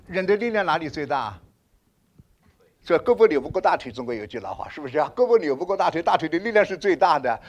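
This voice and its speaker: A man preaching a sermon, asking the congregation questions, swinging between loud exclamations and hushed asides. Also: high-pitched. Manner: animated, rhetorical questions to the congregation.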